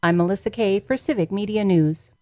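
A woman's voice: medium pitch, brisk, over music. A woman reading scripted local news announcements from a news desk.

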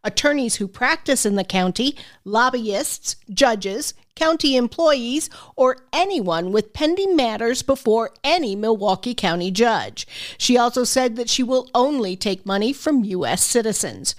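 A woman's voice: a little high, lively intonation, a little slow. A woman reporting radio news from a script.

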